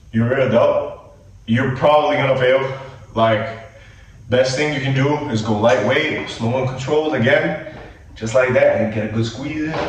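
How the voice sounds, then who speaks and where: Non-native man, loose American-leaning accent. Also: medium pitch. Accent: American-leaning English of a non-native speaker. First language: not English. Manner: loose, filler-heavy, talks like a gym buddy. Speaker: fitness vlogger. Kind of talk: casual workout instruction. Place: gym. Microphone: camera on a tripod at a distance. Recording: very echoey gym, distant camera mic, faint ambience.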